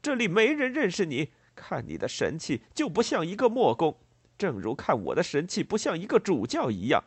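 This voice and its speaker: A man voicing a greedy, bullying middle-aged landowner who shouts and blusters in a husky voice. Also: fairly high pitch, huge pitch swings, moderate pace, no room sound, voice pushed up, full character voice. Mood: furious.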